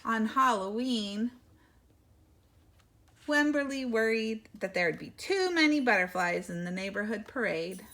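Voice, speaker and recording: A woman's voice: fairly high pitch, expressive, measured pace, a bit bright. A woman reading a picture book aloud expressively, like a teacher talking to young children, with asides to her listeners.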